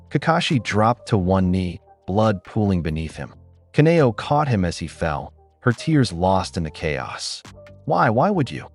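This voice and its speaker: A man narrating a scripted action story in a dramatic storytelling manner. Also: lowish voice.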